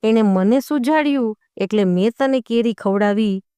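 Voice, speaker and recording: A woman's voice: on the high side, normal speed, mellow, clear, resonant tone, no echo, natural voice. A woman doing a tender elderly neighbor lady. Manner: tender, reassuring.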